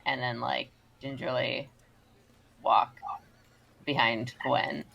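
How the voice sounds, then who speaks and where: A woman's voice: extremely low pitch, level tone, slow, vocal fry, a bit bright, muffled recording, slight background noise. A woman narrating as game master, chatty and giggly with lots of filler words.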